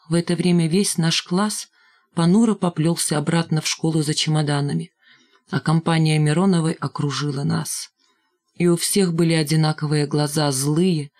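A woman narrating a first-person story in a measured, expressive reading. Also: low-pitched. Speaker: audiobook narrator.

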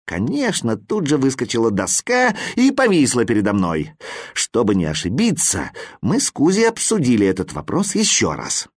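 A man reading a children's story aloud in an expressive, playful storytelling manner. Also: mid-range voice, breathy edge, no echo, clean studio sound. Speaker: audiobook reader.

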